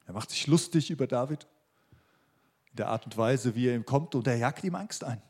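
A man's voice: mid-range voice, normal speed, a little mellow. A man preaching a sermon as pastor, emphatic and repeating his key phrases.

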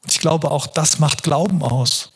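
A man's voice: a little high, unhurried, husky. A man preaching a sermon in an earnest, reflective way, often restarting his sentences.

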